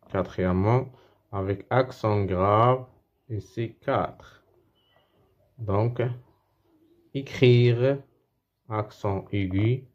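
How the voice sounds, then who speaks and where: A man with a Moroccan accent teaches a French spelling lesson to schoolchildren. His voice sits low and he talks very slowly, repeating words and circling back as he explains. The recording sounds dull and lo-fi. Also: darkish tone. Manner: slow, repeats words and restarts while explaining.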